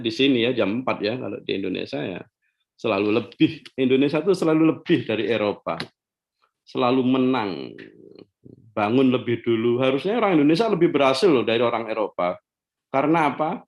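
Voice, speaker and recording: A man preaching a casual, joking online sermon from his office. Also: medium pitch. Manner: joking, playful, mixes in Javanese words. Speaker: pastor.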